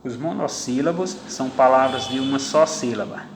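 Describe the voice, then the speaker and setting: A man teaching a grammar lesson, speaking slowly and deliberately and stretching out each example word. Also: medium pitch, a little hiss or hum. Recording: echoey room with long reverb.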